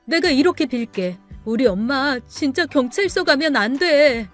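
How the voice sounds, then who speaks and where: A woman's voice: high-pitched, lively intonation, measured pace, pitched above the performer's own voice. A woman voicing a weak-willed young man who pleads and makes excuses. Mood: pleading. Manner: pleading, evasive. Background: soft background music.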